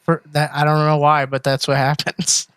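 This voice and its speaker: A man's voice: a little high, completely flat delivery, normal speed, a bit bright, a little hiss or hum. A man co-hosting a casual gaming livestream on a headset, easygoing and agreeable. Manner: easygoing, agreeable, chuckles often. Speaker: podcast co-host.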